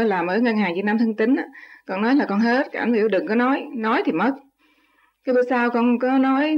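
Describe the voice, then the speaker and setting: A woman meditation student asking her teacher questions in a deferential, hesitant way. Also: a little high. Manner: deferential, hesitant, many polite affirmations. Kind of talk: polite questioning, respectful address. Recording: dull lo-fi recording.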